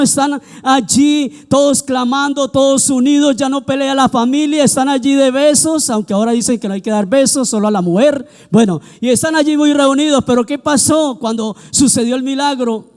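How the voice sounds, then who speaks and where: A man's voice: very high voice, a little mellow. A man preaching a sermon, acting out quoted voices as he talks. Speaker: pastor.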